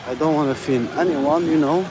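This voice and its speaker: A man's voice: fairly high pitch, a little fast. Rambling man streaming outdoors. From Algeria. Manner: rambling, friendly, leans on "you know" and "bro". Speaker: live streamer. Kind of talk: casual live-stream chat. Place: outdoors on a city street, walking. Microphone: phone. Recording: outdoor street noise with passing traffic. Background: urban ambience and vehicles.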